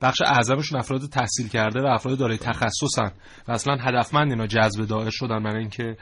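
A man hosting a studio discussion, speaking haltingly with many pauses. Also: medium pitch, fairly even intonation, a bit bright. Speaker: host.

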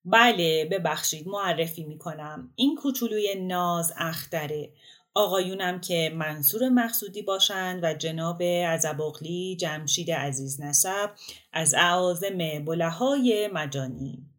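A smooth-talking middle-aged writer, read by a woman narrator in an audiobook. The voice is low and a little slow, and he speaks in a coaxing, faintly ceremonious way. He sounds like someone smoothing things over among friends. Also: close to an everyday voice. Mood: mock-formal. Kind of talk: audiobook character reading.

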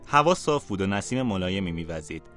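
Low male storyteller, calm podcast narration over soft music.

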